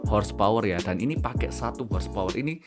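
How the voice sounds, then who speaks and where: A man with a fairly low voice hosts a casual educational stream. He talks chattily, explaining as he goes and addressing viewers like friends. Guitar music plays clearly behind him. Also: animated, quick pace. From Indonesia. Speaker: VTuber host of an educational reaction stream.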